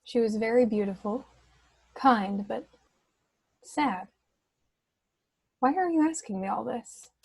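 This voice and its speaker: A troubled young princess, played by a woman, tender and guarded. The voice is fairly high and a little rough, in a film script table read over a video call. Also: animated, slow pace, long pauses, darkish tone, exaggerated voice, rough recording. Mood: concerned, wistful.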